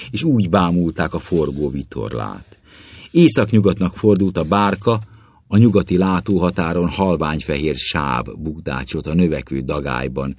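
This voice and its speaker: Deep-voiced man narrating a tale dramatically. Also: dry recording. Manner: expressive, theatrical storytelling.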